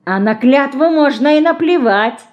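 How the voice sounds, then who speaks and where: A woman voicing a rough, mocking teenage street boy who taunts and threatens, read in an audiobook. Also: medium pitch, lively intonation, moderate pace, lo-fi sound, natural voice. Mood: rude, mocking. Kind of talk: audiobook character reading.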